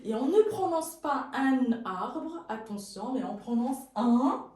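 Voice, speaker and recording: A woman's voice: a little high, animated, a little slow, mellow. A woman teaching a French grammar lesson, patiently repeating each word for learners and often correcting herself. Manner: self-correcting, says pardon often. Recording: very echoey room, mic far off.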